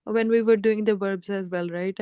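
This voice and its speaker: A woman's voice: mid-range voice, steady tone, moderate pace, clean tone, dull audio. A woman student in a one-to-one online lesson, mostly giving brief agreeable replies.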